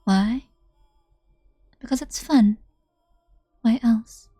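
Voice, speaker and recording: A woman's voice: fairly high pitch, measured pace, warm tone, breathy edge, no room sound, studio quality, soft background music. A woman voicing a cruel, mocking young woman who taunts and laughs, reading a visual novel aloud. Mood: gleeful.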